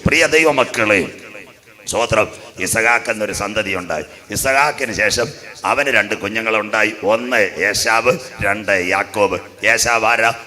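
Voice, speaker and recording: Bright-voiced preaching pastor. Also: male voice, on the low side. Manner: storytelling with jokes, rising to loud preaching. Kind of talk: sermon.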